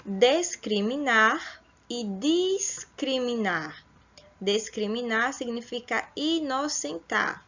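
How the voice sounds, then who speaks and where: A woman teaching a school lesson at a deliberately slow pace, her voice sitting a bit high. She explains each word carefully and checks in warmly with her pupils. The recording sounds dull and lo-fi.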